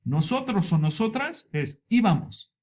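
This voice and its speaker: A male teacher with a fairly high voice that swoops up and down as he explains grammar. He goes over each point patiently and repeats it for his learners. Example words come out drawn-out and deliberate. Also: big pitch swings, darkish tone. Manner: stretches example words out slowly. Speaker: Spanish teacher.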